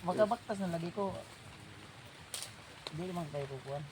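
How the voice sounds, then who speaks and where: A man's voice: high-pitched, moderate pace, heavy background noise. A man joking bluntly with friends outdoors on a rainy mountain. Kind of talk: casual group banter.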